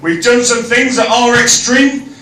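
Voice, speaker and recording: High, bright-voiced man giving an echoey wedding toast. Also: steady tone, a little slow, soft background music. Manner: jokey, projected to a room. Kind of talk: informal wedding toast speech with comic rhyming verse. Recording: echoey room, picked up from far off.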